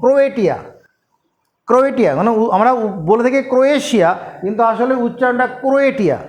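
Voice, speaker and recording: A man with a very high voice teaching a class. He repeats every name many times and spells each one out letter by letter, patient and drilling. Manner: slow and repetitive, spelling names letter by letter. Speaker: geography teacher. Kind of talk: classroom lesson, spelling names aloud.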